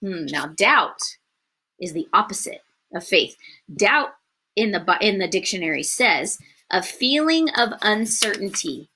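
A woman teaching a Bible story to children, animated and asking them questions as she goes. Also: mid-range voice, measured pace, slightly rough. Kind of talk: Bible story lesson for kids.

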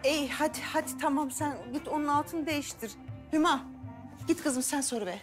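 A woman's voice: sits high, moderate pace, over music, natural voice. An actress playing a woman looking after street kids, scolding them in exasperation. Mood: exasperated scolding.

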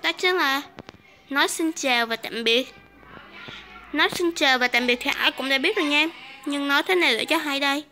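Speaking at normal speed, a woman from Vietnam with a high, pushed, bright voice hosts an informal English lesson on video. As the teacher, she keeps things chatty and repeats phrases for her learners.

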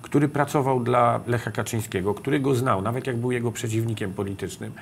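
A man's voice: medium pitch, steady tone, fairly quick. A middle-aged man, a politician guest in a TV studio, speaking emphatically in a political interview. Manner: emphatic, rising to forceful conviction.

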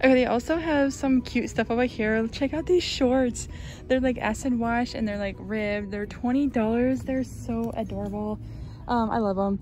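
A woman's voice: a little high, normal speed, a little mellow, soft background music. A woman narrating a casual shop-with-me vlog on her phone, chatty and gushing, with lots of likes and ums. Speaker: shopping vlogger. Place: large retail store, indoors.

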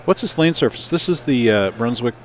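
A man's voice: mid-range voice, expressive, fairly quick. A man doing live play-by-play commentary at a bowling center, chatting between shots. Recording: live broadcast with crowd behind. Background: crowd and bowling noise.

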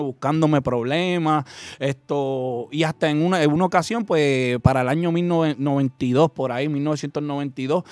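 A man's voice: a little high, no echo. A middle-aged Puerto Rican man giving an earnest testimony in casual talk, often calling the listener "brother". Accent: Puerto Rican Spanish. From Puerto Rico. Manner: earnest, says "hermano" often.

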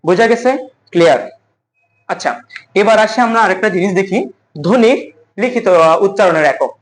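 A young man teaching a lecture, asking questions and answering them himself. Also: high voice. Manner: repeats key words slowly for emphasis. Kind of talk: classroom lecture.

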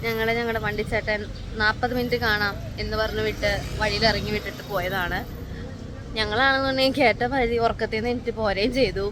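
A woman's voice: mid-range voice, fairly even intonation, fast, background noise. A Malayali woman chatting casually to camera as a travel vlogger, mixing English words into her Malayalam. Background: music, outdoor street and vehicle sounds.

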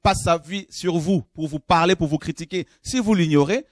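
Male preacher, high voice, dry recording, fervent sermon delivery with frequent restarts. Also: moderate pace, no room sound. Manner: fervent, swings from low murmurs to high exclamations; repeats and restarts phrases while addressing listeners. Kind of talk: call-in sermon.

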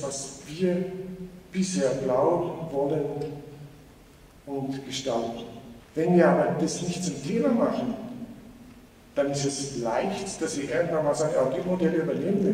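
A man's voice: a little high, dark tone. Male keynote speaker, earnest and persuasive, long-reverb hall with faint background noise. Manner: earnest, persuasive, with rhetorical questions to the audience. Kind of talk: conference keynote talk. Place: large conference hall. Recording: echoey hall, voice from far off.

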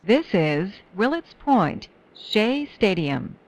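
A woman reading scripted train announcements in a measured, formulaic way. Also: mid-range voice, sing-song, a little mellow. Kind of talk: scripted subway station announcements.

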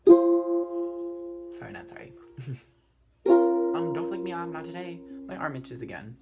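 A man's voice: fairly high pitch, expressive, measured pace, highs cut off, over loud music. A man vlogging in a casual, rambling and self-mocking way, giggling and getting distracted. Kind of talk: casual vlog chat.

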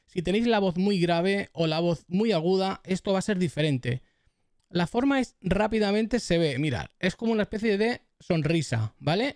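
Young-sounding male streamer, slightly high voice, dry close mic, casual how-to patter. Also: a little mellow, no room sound. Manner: chatty, addresses viewers as "chavales" and "familia"; repeats test phrases into the mic. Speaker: tech YouTuber giving mic setup tips. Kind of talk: casual tutorial. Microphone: close studio dynamic microphone.

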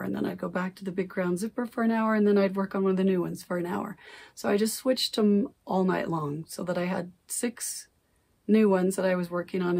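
A middle-aged cross-stitch vlogger chats casually in her home craft room, her voice low, creaky, and a little mellow as it recovers from being lost. She rambles and corrects herself in a chatty way, recorded by a camera at desk distance.

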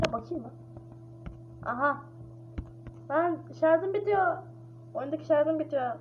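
A woman plays a horror game, giving casual, panicky let's-play commentary as she exclaims and chatters. Her high voice is expressive and unhurried, recorded on a dull lo-fi mic with clear hiss.

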